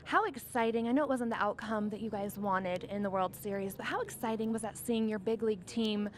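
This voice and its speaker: A woman's voice: medium pitch, brisk, a little hiss or hum. A woman asking conversational questions as a sports interviewer.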